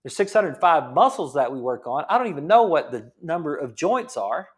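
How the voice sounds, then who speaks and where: Man, fifties, high pitch, casual health talk, repeats himself, rhetorical questions. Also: very animated, moderate pace. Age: 50s. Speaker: chiropractor host.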